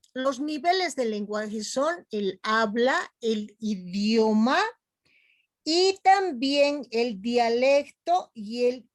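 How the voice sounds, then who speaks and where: A woman teaching a class, explaining slowly and warmly addressing her students as young ones. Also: sits high, no room sound, clean studio sound. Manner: slow, explanatory, calls students "jovencitos". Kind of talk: online class lecture.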